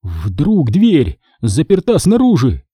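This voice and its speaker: A careful, steady teenage boy speaks in a somewhat raised voice, as a male narrator acts him. It has a husky, dark tone, and the recording is dry. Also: a little high, takes it slowly, dry recording, pitched above the performer's own voice, exaggerated voice. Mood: tense.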